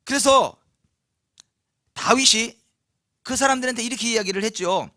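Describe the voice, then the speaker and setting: A man preaching a sermon at a church night service, telling the story lively and asking the congregation questions. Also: very high-pitched, moderate pace, dry recording, studio quality. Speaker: pastor.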